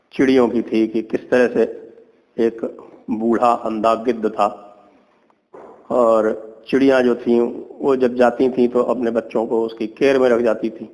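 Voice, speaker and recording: A host retells an old fable in a lively storytelling manner and sometimes drops to low asides. He speaks in an average man's pitch, and the recording has a long hall reverb. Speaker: host, commentator.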